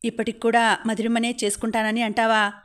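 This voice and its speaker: A woman's voice: fairly high pitch, level tone, fairly quick, a bit bright, smooth, lightly acted. A woman voicing a scheming young man who mocks and needles his friend in an audiobook. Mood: taunting. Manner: mocking, needling.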